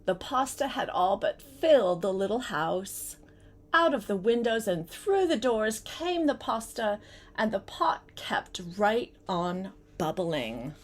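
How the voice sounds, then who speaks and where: Older woman, grandmother reader, unhurried pace, lively swooping intonation, child-directed asides. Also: mid-range voice. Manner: animated, addresses the young listener with questions. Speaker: grandmother reading a storybook aloud. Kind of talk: expressive storybook read-aloud with chatty asides to a child.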